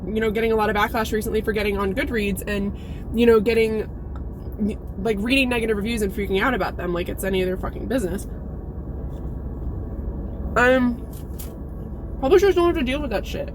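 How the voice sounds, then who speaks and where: A woman's voice: a little high, fairly quick, pauses often, background noise. A woman from Alaska with an American accent chats casually to her viewers in a candid, informal, sweary way, like a vlogger. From Alaska, United States. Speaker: YouTube book reviewer and vlogger. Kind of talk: casual vlog chat. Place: inside a parked car.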